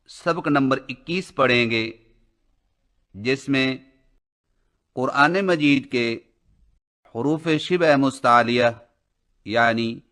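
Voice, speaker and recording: A man's voice: mid-range voice, a bit bright. A man teaching a Quran recitation lesson in Urdu-accented speech, explaining rules and chanting letters with long held vowels. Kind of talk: tajweed lesson with slow drawn-out recitation.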